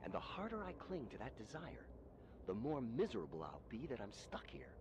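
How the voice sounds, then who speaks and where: An actor playing a calm, weary, resigned male worker in video game dialogue. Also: mid-range voice, a little fast, noisy background.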